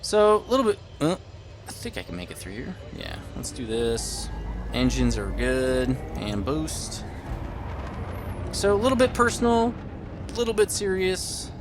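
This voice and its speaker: A man's voice: medium pitch, noisy background. A man in his late thirties giving casual gameplay commentary, rambling and thinking aloud as he plays. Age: late 30s. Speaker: gaming video host.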